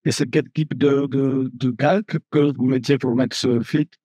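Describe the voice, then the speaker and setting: A man's voice: mid-range voice, fairly even intonation, a little slow, mellow, slightly rough, no echo. A man in the audience asking hesitant questions.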